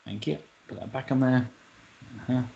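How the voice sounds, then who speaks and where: A man's voice: medium pitch, steady tone, normal speed, gravelly, mellow. A man playing a board game online, talking through his moves with wry remarks. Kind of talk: casual game-night chat. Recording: dull lo-fi mic.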